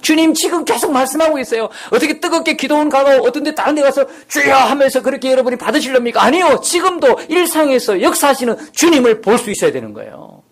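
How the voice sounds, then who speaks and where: Male pastor with a high voice, preaching a sermon and acting out pleading prayers. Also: animated, fast talker, hardly any pauses. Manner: acts out quoted prayers with rising intensity; drops to a soft near-whisper at times.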